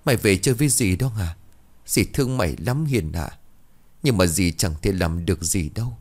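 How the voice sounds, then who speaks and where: A man's voice: low voice, lively intonation, moderate pace. A man voicing a tearful, kindly old aunt who speaks affectionately in a narrated horror story.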